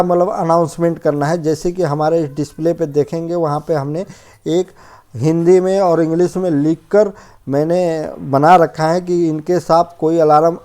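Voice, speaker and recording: A fire safety instructor gives an informal technical lesson, going over checklist points and often rephrasing and defining terms. His voice is on the high side and mellow.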